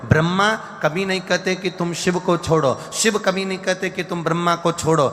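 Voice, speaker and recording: A man preaching a devotional sermon from central India, slow and repetitive, building his points through lists. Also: high voice, fairly even intonation, fairly bright tone. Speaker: religious storyteller. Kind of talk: devotional sermon with sung verses. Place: large live gathering hall. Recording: long hall reverb with faint music.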